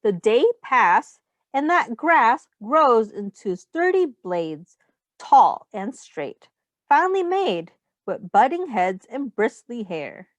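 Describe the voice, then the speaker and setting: A woman teacher reads a picture book to young children, stopping to explain simple words, ask questions, and point out rhymes as she addresses them directly and instructively. Her voice is a little high and very animated, and she takes her time. The audio is dull, with no room sound.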